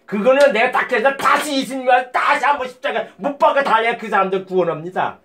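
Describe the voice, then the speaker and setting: A man's voice: extremely high pitch, fast talker, bright, forceful tone. A man giving an informal sermon in a blunt, profane way, with sudden emphatic outbursts. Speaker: lay preacher.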